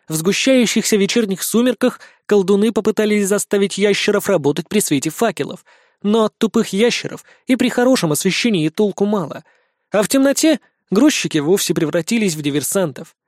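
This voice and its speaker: A man narrating a children's fantasy audiobook in an even, storytelling manner on a close mic. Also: high voice, dry recording.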